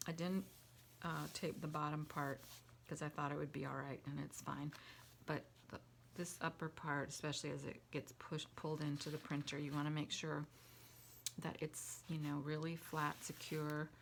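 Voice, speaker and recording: A woman's voice: low-pitched, level tone, normal speed, gravelly, a little hiss or hum. A woman hosting a casual crafting tutorial, talking in a chatty, rambling way with fillers and restarts. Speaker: crafting channel host.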